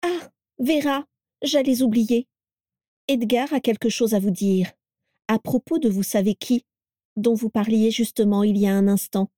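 A woman voicing a shrill, complaining young wife who is high-strung and theatrical. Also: moderate pace, dark tone, dry recording, studio quality, lightly acted. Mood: sly.

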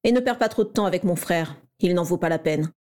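A woman's voice: fairly low pitch, a little fast, darkish tone, close to an everyday voice. A woman voicing a cold, contemptuous older schoolboy who speaks with scorn. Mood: scornful.

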